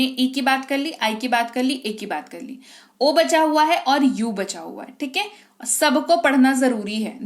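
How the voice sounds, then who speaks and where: High-voiced woman teaching pronunciation. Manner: drills words slowly, asks questions back to the class. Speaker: English teacher. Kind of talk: spoken phonics lesson.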